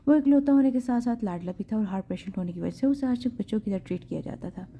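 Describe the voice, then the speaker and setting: A woman's voice: fairly high pitch, expressive, breathy edge, highs cut off. A young woman narrating a romance novel aloud and giving each character a voice in the dialogue. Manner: acts every character in dialogue.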